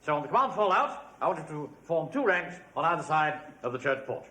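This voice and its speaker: Pompous, high-pitched English captain. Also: male voice, sing-song, brisk, bright, forceful tone. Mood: officious. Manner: bossy, clipped commands. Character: pompous, impatient middle-aged bank manager and platoon captain in a sitcom. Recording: echoey, noisy vintage TV studio recording.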